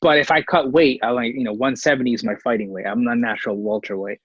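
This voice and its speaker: Husky-voiced man on slightly muffled audio. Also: medium pitch, fairly even intonation, quick pace, no room sound. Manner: easygoing, supportive, chatty with "man". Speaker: podcast co-host. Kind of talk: casual conversation.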